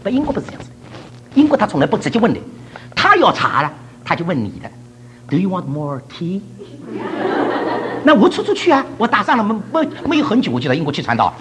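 A man's voice: high-pitched, wildly swooping pitch, very fast, background noise. An older man from China preaching a sermon, laughing often and mixing English words into his talk.

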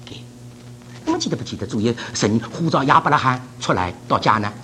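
A man's voice: mid-range voice, animated, quick pace, sharp tone, slight background noise. An older man from China preaching a sermon, laughing often and mixing English words into his talk.

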